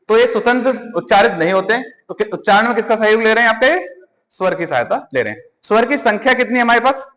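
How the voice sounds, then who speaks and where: Male teacher, high voice, quizzes and repeats in a reverberant hall. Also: fairly bright tone. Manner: quizzing students, repeating answers. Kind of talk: classroom lecture.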